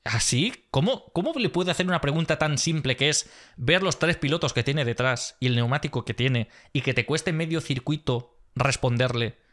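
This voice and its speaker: A man hosts a post-race analysis vlog. He talks in an emphatic, exasperated way, and his pitch climbs when he makes a point. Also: normal speed, fairly bright tone. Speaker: motorsport vlogger.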